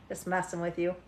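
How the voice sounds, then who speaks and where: In an echoey room, a woman in her 40s with a lowish voice sounds tired as she reads tarot live, keeping the chat casual, poking fun at viewers and often breaking into laughter.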